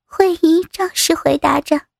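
A woman narrates a story slowly in a very high voice with a gravelly edge. Her reading is even, and the dry sound sits close to the mic. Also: dry recording. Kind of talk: scripted erotic story narration.

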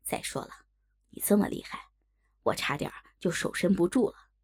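Woman voicing a breathy teasing young man. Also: lowish voice, expressive, moderate pace, voice pushed down. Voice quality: breathy half-whisper. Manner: teasing, pleading.

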